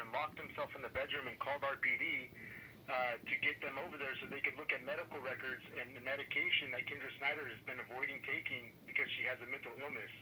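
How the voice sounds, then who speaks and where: A father leaving a voicemail, talking in a halting way with many uh and um fillers. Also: medium pitch, bright, forceful tone, a little hiss or hum, rough recording.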